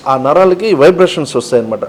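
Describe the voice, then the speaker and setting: A man, a shop owner explaining things slowly and emphatically as an interview guest. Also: a little high, expressive, darkish tone, a little hiss or hum, rough recording. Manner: slow, emphatic, explains step by step.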